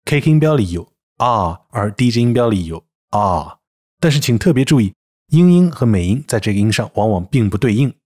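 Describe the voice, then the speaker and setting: A male pronunciation teacher narrates a prepared lesson, explaining each vowel and then reading example words aloud. His voice is a bit husky and his pitch moves up and down a lot. The delivery is clear and methodical. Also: big pitch swings, brisk, a little mellow. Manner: explanatory, with spoken word examples.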